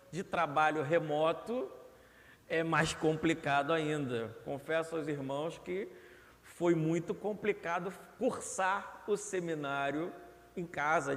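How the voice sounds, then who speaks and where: Brazilian guy preaching, pretty high voice, long church echo around him. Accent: Brazilian Portuguese. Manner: earnest, repeats words for emphasis. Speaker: pastor. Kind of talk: sermon. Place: church hall. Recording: long reverb of a church hall.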